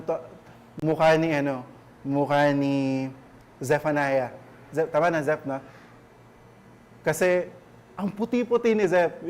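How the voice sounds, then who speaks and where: A man's voice: on the high side, darkish tone. A man with a Filipino accent preaching a conversational church sermon, often checking in with rhetorical questions. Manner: chatty, keeps asking rhetorical tag questions.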